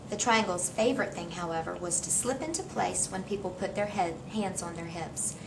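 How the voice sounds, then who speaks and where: A gravelly, lowish voice at a moderate pace belongs to a middle-aged teacher reading a storybook to a kindergartener and encouraging the child with questions. The scene is a small indoor reading corner in a classroom. Audio comes from a camera several meters away, with a noisy room around her.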